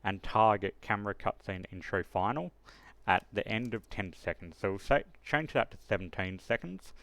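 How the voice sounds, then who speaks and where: A tutorial host with a fairly low, gravelly voice walks step by step through a software tutorial, thinking aloud as he explains each setting in an unscripted, instructional way. He speaks at normal speed. The recording is close and dry with no room sound.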